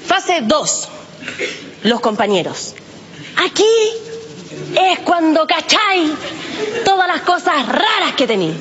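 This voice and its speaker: High-voiced Chilean woman doing stand-up. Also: very animated, slow pace, pauses often, muffled recording, crowd noise. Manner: chatty, self-mocking, heavy on slang. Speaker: stand-up comedian. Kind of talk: stand-up comedy routine.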